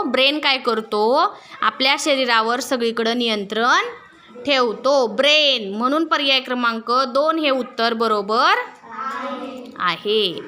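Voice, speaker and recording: Slow, high-voiced woman teacher. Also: bright, forceful tone. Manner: slow, explains each word twice; drills students with questions. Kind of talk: classroom lesson.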